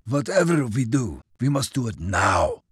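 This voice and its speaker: A man's voice: mid-range voice, big pitch swings, a little slow, slightly rough, dry recording, studio quality, heavily acted. A man voicing a stern male soldier who gives clipped, authoritative orders. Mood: commanding.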